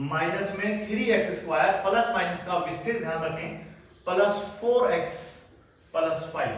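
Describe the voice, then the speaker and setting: A man's voice: sits high, a little hiss or hum. A man teaching a maths lesson, patiently explaining each step and often calling his students "beta". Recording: echoey room, mic far off, faint ambience.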